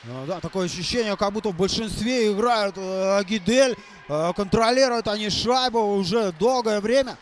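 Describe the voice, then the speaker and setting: High-voiced man calling live hockey. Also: slight background noise. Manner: halting, repeats phrases for emphasis. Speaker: hockey commentator. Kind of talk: live play-by-play sports commentary.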